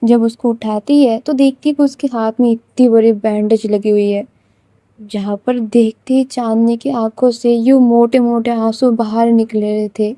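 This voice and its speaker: A woman storyteller narrates an emotional romance in a loose, conversational style, full of drama and little fillers. Her voice is high yet dark and mellow in tone. The recording is close and completely dry. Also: fairly even intonation, normal speed, no room sound.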